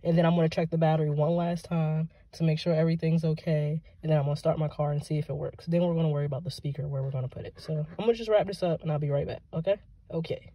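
The audio is lo-fi with no echo. A young American woman talks quickly and steadily in a low-pitched voice, musing out loud to her phone camera in and near a parked car during a casual DIY vlog.

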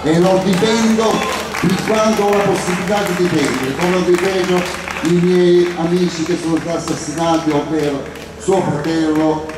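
A hoarse Sicilian man in his sixties speaks emphatically at a rally, his raspy voice pitched fairly high. It rings with heavy echo from an outdoor PA, picked up from far off with crowd noise around it. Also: steady tone, normal speed. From Sicily, Italy. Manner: emphatic, repeating phrases for stress. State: hoarse voice from days of travelling. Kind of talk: impassioned public speech. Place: outdoor stage in a town square at night. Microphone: handheld mic through PA, recorded by far camera. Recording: echoing outdoor square PA, distant, noisy crowd.

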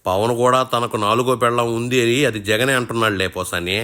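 A man's voice: mid-range voice, steady tone, fairly quick, bright, forceful tone. A man hosting a satirical show, teasing and mocking his guest in rustic colloquial speech. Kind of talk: mock interview banter.

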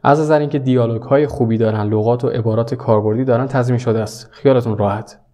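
A young man teaching a video lesson, talking directly and warmly to his viewers. His voice is mellow and relaxed, sitting at an ordinary middle pitch. He stays earnest and friendly throughout. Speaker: English teacher.

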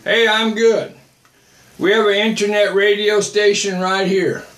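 An older missionary livestreams from his small home office through a desk webcam, mixing preaching with chat and answering viewer comments bluntly and repetitively. His high, fairly bright voice is level and a little slow, with a roomy sound.

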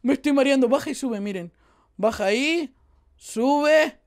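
Speaking a little slowly in a high-pitched voice, a woman with a Rioplatense accent narrates a let's play for her YouTube gaming channel. She's excitable, exclaiming and cracking jokes at viewers.

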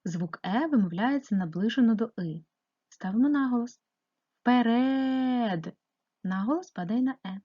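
Female primary teacher, patient and questioning, breathy voice, muffled recording. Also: mid-range voice, animated, fairly quick. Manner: patient, questioning, explaining step by step. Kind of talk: remote lesson narration.

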